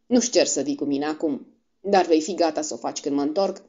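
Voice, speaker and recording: A woman's voice: sits low, warm tone, muffled recording, close to an everyday voice. A woman reading the lines of an earnest young frontiersman in a storybook, speaking tenderly and urgently. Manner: tender, urgent farewell speech.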